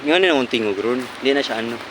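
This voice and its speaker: Man through a deep voice changer. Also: animated, fast talker, background noise. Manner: playful, laughs often. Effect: deep pitch-shifting voice changer. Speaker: vlogger. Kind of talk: casual joking vlog chat. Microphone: camera mic, no clip-on mic.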